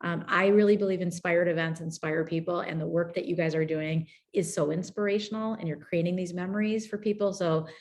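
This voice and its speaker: A woman's voice: fairly low pitch, steady tone, fairly quick, hardly any pauses, a little mellow. A woman hosting and moderating a panel webinar over a video call, upbeat and chatty with frequent "um"s. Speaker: webinar host.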